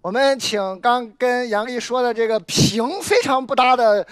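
A woman with a high, bright-sounding voice hosts a comedy contest on stage. She announces the vote countdown and calls on the judges briskly, with loud music playing underneath. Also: lively intonation. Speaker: show host.

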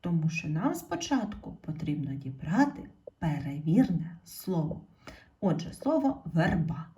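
A woman teaching a primary school spelling lesson. She speaks slowly and clearly, calls out example words loudly and drops almost to a whisper when stating the rule. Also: low-pitched, sing-song, a little hiss or hum. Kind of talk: slow, clear classroom explanation.

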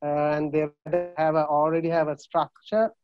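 Halting Sri Lankan analyst on a call. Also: male voice, fairly high pitch, flat delivery, music in the background. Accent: Sri Lankan English. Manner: halting, many filler uhs. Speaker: market analyst panelist. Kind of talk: video call panel discussion. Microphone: video call. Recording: muffled video call audio.

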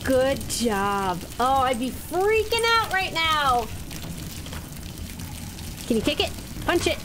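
A woman's voice: high-pitched, animated, slow. A woman in her thirties giving casual, jumpy, exclamatory commentary as co-host of a horror game playthrough on a headset mic. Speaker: gaming co-host. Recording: loud game noise behind voice.

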